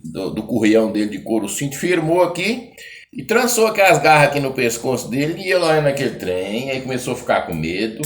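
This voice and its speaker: A man's voice: medium pitch, a bit bright. A man with a Brazilian caipira accent telling a rural folk tale in a casual, rambling way. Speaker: storyteller.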